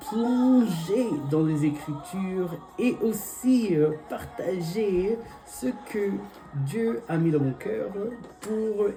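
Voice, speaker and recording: In a church, a young adult pastor delivers a sermon in French, which is not his first language, and his English-speaking accent comes through. His voice is high-pitched and warm, and his prayer and scripture reading are halting, full of fillers and repeated invocations.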